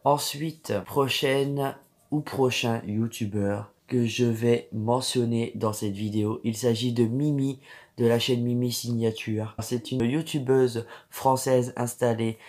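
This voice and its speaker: A man's voice: medium pitch, fairly even intonation, takes it slowly, a little mellow. A man hosting a casual vlog, speaking affectionately to viewers and stumbling over fillers and restarts. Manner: hesitant, many fillers and restarts. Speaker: beauty YouTuber host.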